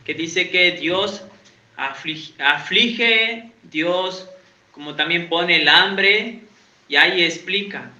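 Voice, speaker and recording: An evangelical pastor from Santiago, Argentina gives a conversational sermon at a church in Uruguay, quizzing the congregation and poking fun at himself. His high voice is slow, pushed and bright, and the recording has an echoey, dull lo-fi sound.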